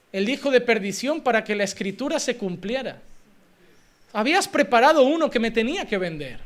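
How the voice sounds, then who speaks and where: A man preaching a sermon as a pastor, lively and acting out little scenes of parents and children. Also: extremely high pitch. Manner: animated, acts out children and parents in quoted asides.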